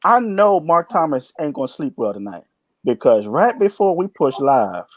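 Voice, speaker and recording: Animated young man telling stories. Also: a little high, normal speed, dry recording. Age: 20s. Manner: animated storyteller, playful teasing. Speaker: co-host. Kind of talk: casual chat.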